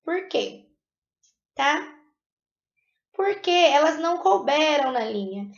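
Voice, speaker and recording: A woman's voice: sits high, sing-song, takes it slowly, vocal fry. A woman teaching a recorded lesson, explaining step by step with patient check-ins. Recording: echoey room, dull lo-fi sound.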